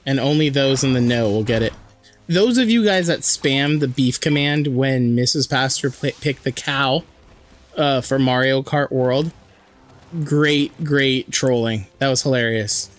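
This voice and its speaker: Hoarse man chatting on a game stream. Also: medium pitch, measured pace, faint music behind. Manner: chatty, joking, reads and answers chat. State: hoarse from a sore throat. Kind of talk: casual live-stream chat while playing.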